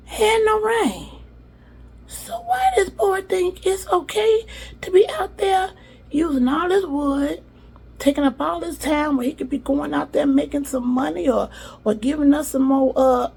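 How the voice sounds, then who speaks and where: A woman voicing a gossiping older country uncle on a porch, with a put-on Southern country drawl and a much higher, louder voice than her own. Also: creaky, heavily acted. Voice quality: drawling, exaggerated folksy voice.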